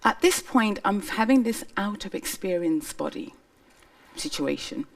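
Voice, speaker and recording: A woman's voice: medium pitch, expressive, measured pace, creaky, distant mic. A woman from Somalia giving an earnest, emphatic personal testimony on stage before an audience. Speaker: speaker on stage.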